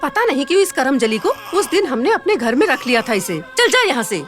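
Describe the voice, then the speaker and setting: A harsh cartoon stepmother scolds with a high, shrill voice. Her pitch leaps up and down as she speaks, and faint music sits behind her. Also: sing-song, fairly quick. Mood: furious. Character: cruel harsh stepmother, doting on her son.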